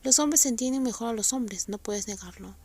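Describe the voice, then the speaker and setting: Lovesick pushy young guy, voiced by a woman, low insistent tone, high light voice, storybook. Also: a little fast, warm tone, slightly rough. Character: bold, lovesick young man.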